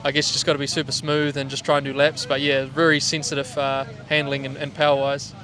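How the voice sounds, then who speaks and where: Kiwi guy w broad nz accent, talks quick n pretty level, slangy racer interview, some vehicle noise outside. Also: medium pitch, monotone, sharp tone. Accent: New Zealand. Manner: laid-back, slangy. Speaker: race car driver being interviewed. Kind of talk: casual interview chat. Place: outdoors at a speedway. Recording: outdoor trackside with vehicle noise.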